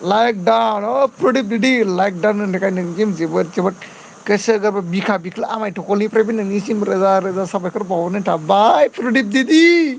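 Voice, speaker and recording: A man's voice: sits high, moderate pace, gravelly, slight background noise. A man chatting casually on a livestream, reading out viewer comments and pleading for comments and friend requests. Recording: dull lo-fi sound.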